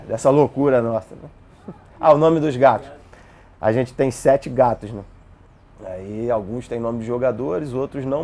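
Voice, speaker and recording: A man, telling lively personal stories in a casual interview. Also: mid-range voice, gravelly. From Brazil. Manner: animated, acts out dialogue in his stories.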